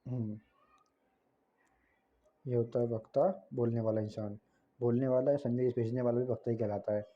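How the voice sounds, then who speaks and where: Male tutor, mid pitch, chatty lesson delivery, frequent self-corrections, slightly dull recording. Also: steady tone, normal speed. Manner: conversational, frequent tag questions and self-corrections. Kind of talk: casual explanatory lesson.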